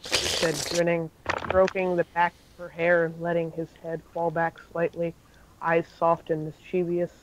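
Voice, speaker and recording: A man's voice: on the high side, monotone, moderate pace, slight background noise, low-quality recording. A man reading a fan-fiction story aloud in an amateur style, with occasional slips and self-corrections.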